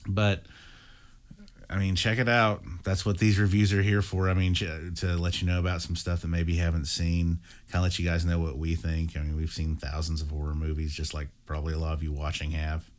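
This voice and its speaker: A young man co-hosting a horror film review, measured and opinionated in a wry, casual chat. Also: deep voice, little pitch movement.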